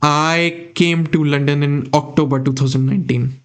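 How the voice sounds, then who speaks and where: With a steady tone and moderate pace, a young chess streamer from India speaks in a somewhat high voice and an Indian accent. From a small room he mulls over moves aloud and chats with his audience.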